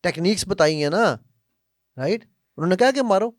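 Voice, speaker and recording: A man's voice: high voice, expressive, no room sound, clean studio sound. A man giving an emphatic self-help talk on faith, often checking with "right?" and asking rhetorical questions, mixing English phrases into his speech. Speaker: motivational speaker.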